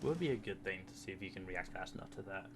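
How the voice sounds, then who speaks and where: Low-voiced man running a tabletop game. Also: fast. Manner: relaxed, counting out movement and rulings. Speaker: game master. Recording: music playing behind.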